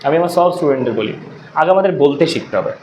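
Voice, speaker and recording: A man's voice: on the high side, expressive, quick pace, darkish tone. A man teaching an English class as tutor, talking conversationally and often checking that students follow. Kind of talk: classroom lecture. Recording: roomy echo, faint room noise.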